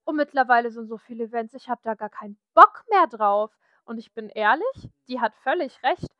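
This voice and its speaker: A woman's voice: on the high side, lively intonation, moderate pace, dry recording, muffled recording. Chatty woman from Saxony, dry sound. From Saxony, Germany. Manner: frank, chatty, many fillers. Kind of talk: casual podcast chat.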